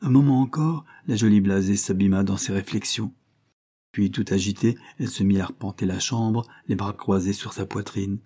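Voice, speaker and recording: A man narrating a classic novel as an audiobook in a steady, measured reading. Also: lowish voice, husky.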